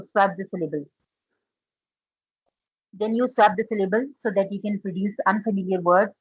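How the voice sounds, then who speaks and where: Woman, husky voice, instructive tone, dull video call audio. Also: medium pitch, no room sound. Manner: instructive, mixes Hindi and English, praises participants. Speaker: teacher training instructor. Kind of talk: online training lecture.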